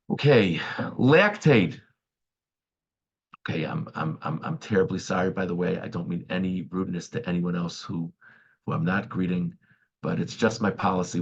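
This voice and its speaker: A man with a fairly low voice, heard through slightly dull online call audio. He is a rabbi giving an informal Q&A class, warm and encouraging. He poses questions out loud, then works toward answers in a rambling, hesitant way, often repeating his words. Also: creaky. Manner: questioning, posing each question aloud before answering it. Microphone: online video call.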